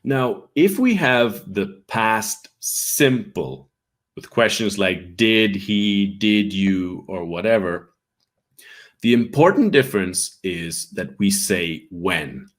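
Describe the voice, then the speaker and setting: A man with a light Irish accent teaches an English lesson, explaining slowly and patiently. His voice sits a little low for a man. He keeps checking in with his students as he goes. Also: sing-song. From Ireland. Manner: patient, repeats with frequent "right?" checks.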